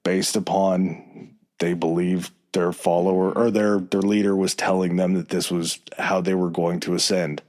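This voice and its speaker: A man hosting a podcast, telling a story in a relaxed, chatty way with fillers and asides. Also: deep voice, moderate pace. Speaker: podcast host. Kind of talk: casual chat.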